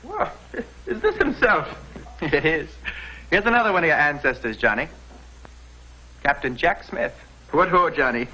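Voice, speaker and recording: An actor playing a jovial Irish captain from the past in a scripted drama, with a leprechaun-like lilting brogue and folksy, chuckling manner. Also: male voice, on the high side, big pitch swings, a little slow, pauses often, pushed and bright, a little hiss or hum, exaggerated voice, poor audio. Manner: chuckling, folksy, exclaiming storyteller. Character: jovial red-haired Irish-American steamboat captain from the past. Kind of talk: scripted educational drama acting.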